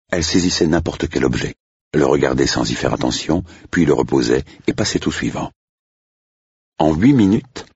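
Very deep, gravelly male audiobook narrator. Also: darkish tone, dry recording. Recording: dull, dry lo-fi recording.

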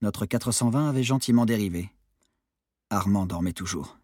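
A man narrating an audiobook in a calm, quiet first-person manner. His voice sits low and a little husky, recorded close and dry with no room sound. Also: normal speed, dry recording.

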